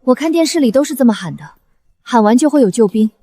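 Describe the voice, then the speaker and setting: A woman voicing a condemned seventeen-year-old girl with a modern soldier's mind, who speaks in clipped, commanding phrases in an animated drama. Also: on the high side, quick pace. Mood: dry.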